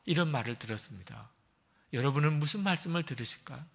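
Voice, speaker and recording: A pastor preaches in an echoing church sanctuary, his storytelling earnest and emphatic, full of dramatic shifts. His voice is mid-range and gravelly, fast, with lively intonation.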